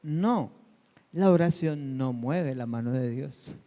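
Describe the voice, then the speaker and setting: A man's voice: medium pitch, takes it slowly, dark tone. A male pastor preaching a sermon in a conversational way, asking his congregation questions and telling personal stories. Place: church hall. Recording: long hall reverb.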